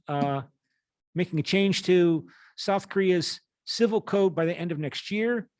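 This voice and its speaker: A university teacher in his late fifties lectures in a high voice, reading aloud and explaining haltingly with frequent rephrasing. There is no echo.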